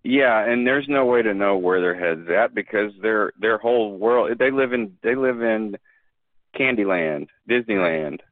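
Over a dry, phone-like line, a man with a fairly low voice speaks a little slowly as a podcast guest in casual conversation. He is earnest and emphatic and often restarts his sentences.

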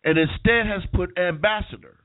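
A man's voice: high-pitched, moderate pace. Nasal sick man hosting a call-in show. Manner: rambling with many restarts. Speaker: talk radio host. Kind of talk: casual internet radio talk. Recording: tinny phone-line sound.

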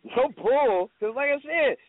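A man's voice: very high voice, animated, unhurried, no echo. A man co-hosting a podcast in casual chat, blunt and joking, talking emphatically. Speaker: podcast co-host. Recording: tinny phone-like line.

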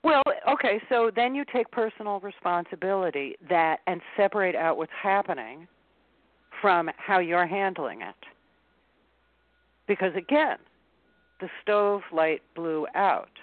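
A woman guest on a radio interview, working as a life coach, explaining her advice in an animated way and repeating phrases for emphasis. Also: fairly low pitch, measured pace, dry recording. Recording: tinny phone-line sound, dry.

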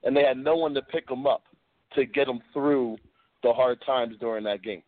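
A man's voice: mid-range voice, normal speed, no echo. A male caller talking over the phone, arguing sports in a laid-back, casual way. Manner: laid-back, argumentative, says "man" a lot. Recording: tinny dry phone line.

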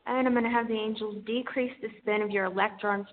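A woman's voice: medium pitch, steady tone, fast talker. A woman guiding a spiritual energy healing session in a soothing, mystical healer's manner. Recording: tinny phone-like line with hiss.

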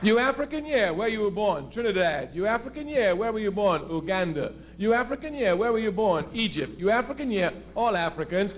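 A high-voiced, expressive man speaks fairly quickly with hardly any pauses, giving a fervent political speech to a call-in radio program. His line is tinny with a faint hiss, and he hammers home key phrases by repeating them.

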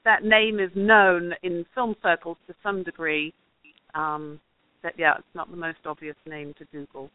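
A woman's voice: lowish voice, little pitch movement, moderate pace, dry recording. A woman from England, a documentary grant writer talking as a guest in a casual interview, thoughtful and rambling with many fillers. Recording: dry tinny phone line.

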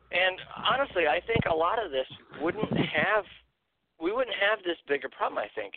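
Ranty dude cursing nonstop on a podcast, tinny dry line. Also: male voice, fairly high pitch, dry recording. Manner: ranting, blunt, swears a lot. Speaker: podcast co-host. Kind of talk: profane casual chat.

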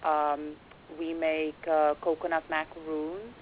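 A young woman from the Czech Republic with a Czech accent, a quiet, soft-spoken guest on a radio interview who hesitates often with fillers. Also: sits low, little pitch movement, slow. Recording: phone-like band, faint hiss.

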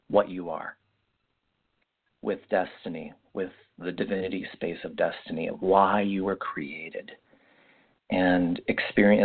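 Echoey, low-voiced man giving spiritual guidance. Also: breathy edge. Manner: slow, meandering, repeats words. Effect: echoey sound without his usual microphone. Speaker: spiritual podcast host. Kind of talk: guided spiritual talk. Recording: echoey, tinny phone-like sound.

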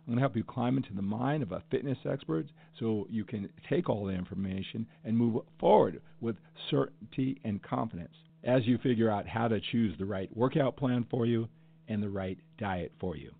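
A man's voice: mid-range voice, animated, moderate pace, creaky, few pauses, breathy edge. A middle-aged man hosting a solo podcast, talking earnestly and emphatically, repeating phrases to drive his point home. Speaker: podcast host. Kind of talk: passionate solo podcast monologue. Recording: tinny phone-like audio.

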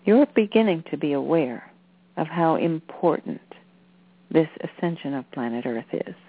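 Woman spiritual channeler, low register, soothing and deliberate, heard through a narrow phone-like recording. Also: expressive, slightly rough, no room sound. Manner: unhurried, deliberate, with halting phrases. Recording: phone-like narrow-band sound.

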